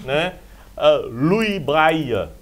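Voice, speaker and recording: A man's voice: fairly high pitch, big pitch swings, very slow, darkish tone. A man hosting a football talk show in a studio, lecturing with emphatic, rambling asides.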